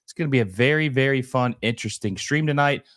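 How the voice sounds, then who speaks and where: A man who is feeling sick, with a hoarse, scratchy voice, hosting a casual livestream of soccer commentary in a halting way that often repeats phrases. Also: medium pitch, fairly bright tone, no echo, studio quality. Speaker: host of a soccer show.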